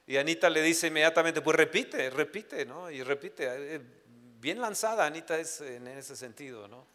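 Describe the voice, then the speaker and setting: A man preaching a sermon in a high, smooth voice. He reads scripture and then drifts into personal stories, stumbling and restarting often. Long reverb from a large hall trails each phrase. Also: moderate pace, pushed and bright.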